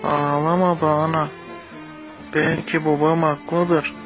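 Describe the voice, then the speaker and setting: A man's voice: a little high, flat delivery, slow pace, fairly bright tone, faint music behind, pitched above the performer's own voice. A man voicing a proud, wounded, effeminate singer with a Thracian Turkish accent, plaintive and melodramatic in a cartoon-style comic dub.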